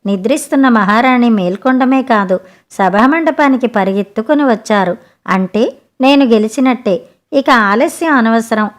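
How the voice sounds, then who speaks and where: Calm, cunning royal guru for a bedtime storybook, read by a woman narrator in a slightly raised register. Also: a little high, moderate pace, lightly acted. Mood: composed.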